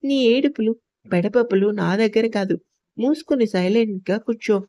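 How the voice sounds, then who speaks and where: A woman's voice: mid-range voice, normal speed, warm tone, dry recording, natural voice. A woman voicing a jealous, harsh young husband who scolds and accuses his wife in a told story. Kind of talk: storybook narration.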